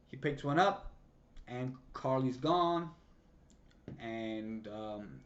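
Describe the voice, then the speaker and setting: This is an excitable man recapping an episode in loose, slangy talk, mimicking the action with sound effects. His pitch sits in a middling range. The recording has a slightly dull, lo-fi sound. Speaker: show recap vlogger.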